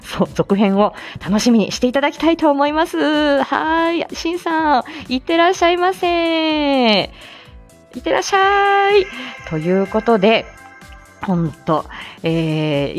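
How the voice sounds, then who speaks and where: Reading announcements and chatting on a live morning audio broadcast, this host has a voice on the high side. Her bubbly manner swings between cute and polite.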